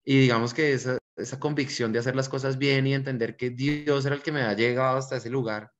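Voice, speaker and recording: A man's voice: medium pitch, steady tone, fast talker, a little hiss or hum. A man with a Colombian accent, a restaurant owner, earnestly and reflectively telling stories from his life in an interview. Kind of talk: interview answers, personal storytelling. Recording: dull lo-fi recording.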